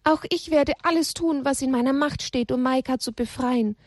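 A woman's voice: high-pitched, moderate pace, dry recording, studio quality, voice pushed up. A woman doing an earnest young storybook friend. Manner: earnest, coaxing.

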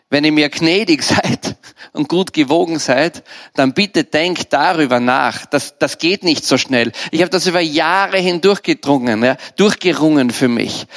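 A man's voice: on the high side, a bit bright. A man preaching a sermon in a direct, conversational way, speaking straight to his listeners.

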